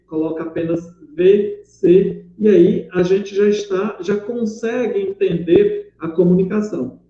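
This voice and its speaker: A man with a Brazilian Portuguese accent gives an online lesson, explaining patiently and step by step. His voice sits fairly high yet sounds very dark and mellow. The recording is dull and lo-fi, in an echoey room. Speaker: Portuguese teacher. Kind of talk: online class lecture.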